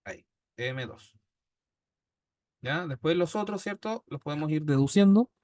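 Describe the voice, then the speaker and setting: A man's voice: a little high, lively intonation, unhurried, darkish tone, dry recording, clean studio sound. A man with a Chilean accent teaching a statistics class, explaining step by step and often checking in with his students. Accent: Chilean Spanish. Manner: patient, checks in constantly with "¿ya?". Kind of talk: classroom lecture.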